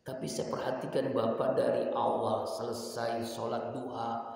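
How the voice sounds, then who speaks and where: A man voicing a wealthy man, humbled and pleading softly, as part of a sermon story. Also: mid-range voice, flat delivery, a little slow, gravelly, a little hiss or hum. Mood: earnest. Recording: echoey hall from far off.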